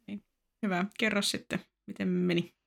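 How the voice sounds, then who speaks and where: A woman with a Finnish accent co-hosting a casual podcast, quick to laugh and agree. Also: mid-range voice, little pitch movement, gravelly. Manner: laughs often, affirming interjections. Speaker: podcast co-host. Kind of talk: casual podcast chat and read-aloud recap.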